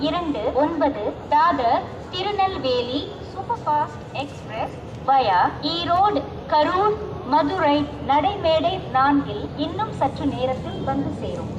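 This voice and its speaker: A woman giving a recorded train station announcement in a slow, formal way, reading the train number one digit at a time. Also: sits high, animated, crowd noise, low-quality recording.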